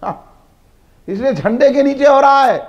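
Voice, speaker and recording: A man's voice: very high voice, lively intonation, a little slow. A man preaching a devotional sermon, building emphatic repetitive lists and prompting the crowd to respond. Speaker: preacher at a religious gathering. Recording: dull lo-fi event recording.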